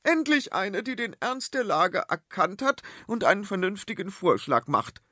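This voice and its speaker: A man voicing a shrill, imperious, self-righteous queen in a children's radio story. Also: sing-song, normal speed, sharp tone, no echo, clean studio sound, exaggerated voice. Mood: indignant. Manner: shrieking, indignant.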